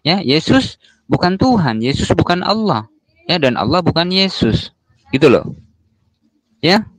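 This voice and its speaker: A man calmly arguing a point in a religious debate, explaining to his opponent. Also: fairly high pitch, a little slow, dry recording.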